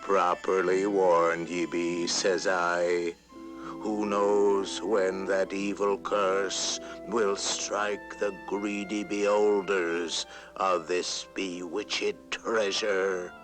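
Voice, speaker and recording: An ominous pirate, speaks in a deep, very slow voice with little melody. The manner is theatrical and sinister, a ride character with music swelling behind. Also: male voice, level tone. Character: ominous pirate warning of evil curses. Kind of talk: theme park ride character acting.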